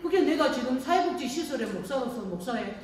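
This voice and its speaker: Woman pastor, folksy call-and-response sermon, slightly high voice, distant mic in a reverberant room. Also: lively intonation, brisk, darkish tone. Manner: folksy storytelling, frequent call-and-response questions. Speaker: pastor at an elder care center. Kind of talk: sermon to elderly congregation. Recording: echoey room, distant mic, faint noise.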